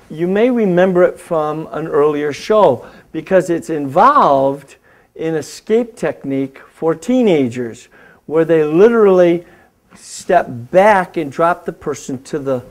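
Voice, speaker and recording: A host and martial arts instructor on a safety talk show coaches viewers through a self-defense technique with step-by-step commands in an instructional demonstration. His voice is a little high with a darkish tone.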